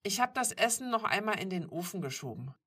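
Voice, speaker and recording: A woman reading aloud, voicing a brisk, scolding mother who calls out from the kitchen. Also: medium pitch, very animated, pushed and bright, breathy edge, far from the mic, voice pushed up, full character voice. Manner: calling out, brisk. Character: busy scolding middle-aged mother.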